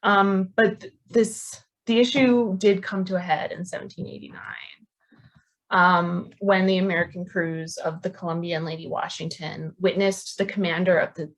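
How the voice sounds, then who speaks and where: Woman, history lecturer, lower voice, halting and filler-heavy delivery. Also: steady tone, rough recording. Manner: hesitant, many ums and restarts. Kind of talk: academic talk.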